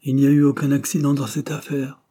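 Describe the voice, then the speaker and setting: A brisk, self-assured detective, pressing his point with insistent authority, as a man reading the story puts him on. The voice has a husky grain with a darker tone, lifted higher than the narration. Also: warm tone. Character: brisk confident male detective.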